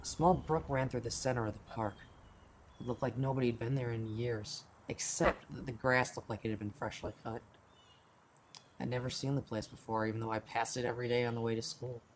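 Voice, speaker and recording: In an amateur radio play, a man plays a hot-headed, bitter teenage boy, narrating in the first person with an informal, grumbling, rueful mood. His medium-pitched voice is fairly even in intonation, a little fast, and close to an everyday speaking voice. The recording is low quality, with a little hiss or hum.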